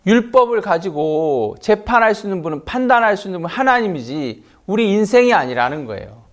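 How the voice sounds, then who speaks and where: 한 남자 목사가 회중에게 반복해서 질문을 던지며 힘주어 설교한다. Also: male voice, high-pitched, big pitch swings, fairly quick. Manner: emphatic, rhetorical questions to the congregation. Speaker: pastor. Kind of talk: sermon.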